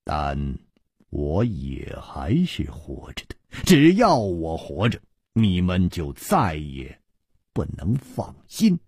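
A man voicing a proud male hero who is cornered but composed, speaking in a quiet, measured and resigned way, in a Chinese storytelling radio reading. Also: low-pitched, huge pitch swings, gravelly, breathy edge, no room sound, studio quality, voice pushed down, exaggerated voice. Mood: grim.

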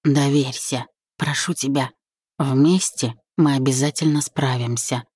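A woman reading the part of a young husband and boss who is teasing, commanding and tender by turns, in a low, mellow voice. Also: sing-song, measured pace, dry recording, studio quality, exaggerated voice. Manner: playful, bossy, tender. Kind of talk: audiobook reading.

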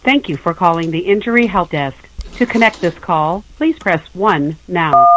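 A woman's voice: on the low side, animated, fairly bright tone, slight background noise, low-quality recording. Woman's recorded phone menu prompt. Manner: polite, scripted, measured. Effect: recorded phone menu message.

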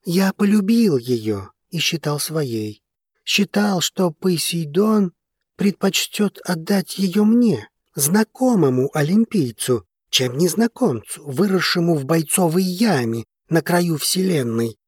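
A man's voice: a little high, expressive, slow, husky, no echo, studio quality, pitched above the performer's own voice, full character voice. A man playing a defiant, wronged young man who speaks with challenge.

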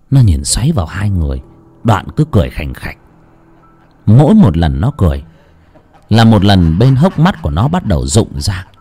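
Lively low-voiced male horror narrator. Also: husky. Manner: dramatic, expressive reading. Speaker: audiobook narrator. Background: soft music.

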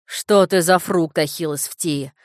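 A woman's voice: lowish voice, unhurried, no room sound, studio quality, close to an everyday voice. A woman reading an audiobook, voicing a fat, greedy, pompous man who blusters and threatens. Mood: blustering.

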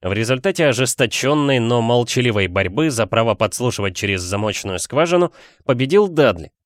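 Steady male audiobook narrator, dry sound. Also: mid-range voice, brisk, dry recording.

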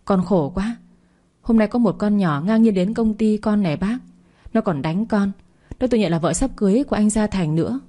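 A woman's voice: mid-range voice, normal speed, dark tone, natural voice. A woman voicing a spoiled, whiny young woman secretary in a storybook reading, complaining in a sniffling way. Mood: tearful.

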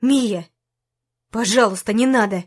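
Narrator doing a frightened ex-boyfriend, whining and begging, audiobook. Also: female voice, fairly high pitch, a little slow, breathy edge. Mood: pleading. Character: pleading frightened young man, the ex-boyfriend.

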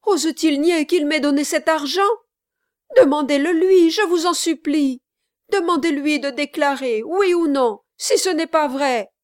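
A woman reading an audiobook aloud, voicing an honest young male servant who pleads loudly and anguished. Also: high-pitched, unhurried, no echo, clean studio sound, voice pushed up.

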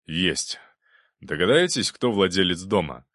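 A man voicing a brisk, eager police bailiff who barks orders in an official tone. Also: low voice, very animated, a bit bright, no echo, clean studio sound, heavily acted.

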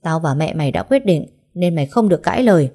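A woman's voice: low voice, animated, fast, dark tone. A woman voicing a stern father who scolds and commands harshly. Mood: angry.

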